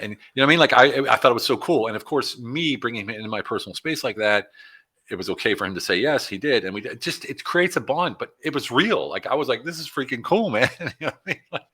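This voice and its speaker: Fast, bright-voiced talkative man from Pennsylvania. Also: on the low side. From Pennsylvania, USA. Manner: animated storytelling, acts out conversations. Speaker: guest, business consultant. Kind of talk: casual interview chat.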